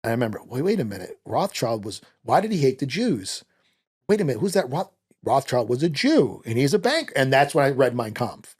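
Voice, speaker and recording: As a podcast guest in a small indoor studio, a middle-aged former Marine from the United States, originally born in Italy, recounts personal stories with a husky, mid-range voice at a fairly quick clip. He's animated, casual, blunt and profane, voicing quoted dialogue. He's recorded on a close podcast microphone mounted on a boom arm.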